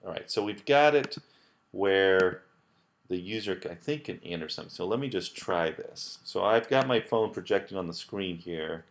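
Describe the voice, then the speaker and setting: Very low-voiced man teaching a screencast. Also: expressive, normal speed. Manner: casual, many fillers and restarts. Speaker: professor teaching app building. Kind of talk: screencast tutorial.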